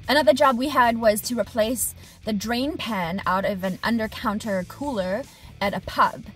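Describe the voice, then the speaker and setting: A woman in her thirties who works as an HVAC technician and owns her business records a casual vlog diary from inside her parked truck cab. Her fairly high voice moves at normal speed, animated and expressive as she gestures with her hands, with faint music behind. The camera sits on the dashboard at arm's length.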